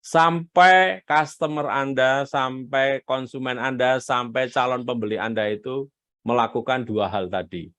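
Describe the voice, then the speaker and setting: A man giving a live business coaching talk on selling, emphatic and animated, repeating his key points. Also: mid-range voice, a little slow, no echo.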